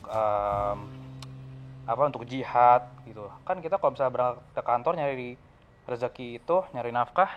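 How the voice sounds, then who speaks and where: A man's voice: medium pitch, dull audio. A man giving casual, explanatory advice as a channel co-host, using simple everyday examples. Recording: music behind the voice. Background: clear background music.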